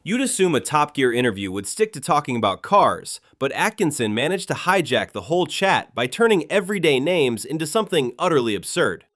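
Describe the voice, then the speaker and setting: A man's voice: a little high, big pitch swings, brisk, hardly any pauses, a bit bright. A man reading scripted narration for a video.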